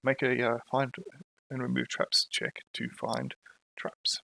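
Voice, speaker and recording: A man's voice: medium pitch, measured pace, vocal fry, no echo, rough recording. A man narrating and ruling as game master of an online tabletop game. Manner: relaxed, describing scenes and rules.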